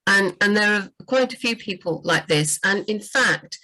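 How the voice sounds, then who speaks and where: A woman's voice: mid-range voice, animated, moderate pace, sharp tone, rough recording. A woman, a book editor, talking casually about writing, full of "you know" and restarts. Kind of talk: casual livestream chat.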